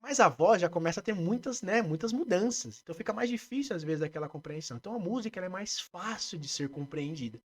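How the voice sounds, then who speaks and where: A man with a Brazilian Portuguese accent, a music therapist being interviewed, explaining his work in a lively way and breaking into short sung examples. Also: high-pitched, quick pace, few pauses. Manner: animated, demonstrates by singing snippets.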